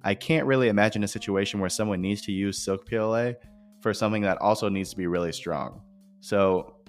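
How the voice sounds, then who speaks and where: A man hosting an informal scripted podcast, explaining things directly to listeners, his voice echoing in a bare, unfurnished office. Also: lowish voice. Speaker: podcast host. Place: new empty office without furniture. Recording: echoey empty office, music behind.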